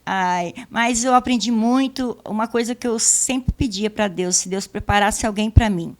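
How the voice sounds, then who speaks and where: A middle-aged woman giving a church testimony, telling her story in a casual, lively way and acting out the dialogue. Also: mid-range voice, normal speed.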